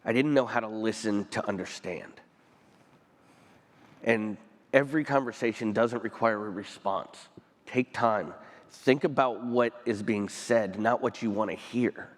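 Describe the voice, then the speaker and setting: A man speaking as a panel guest onstage, earnest and emotional, pausing often and restarting his sentences. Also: lowish voice, big-room sound. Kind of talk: onstage conversation. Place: conference stage.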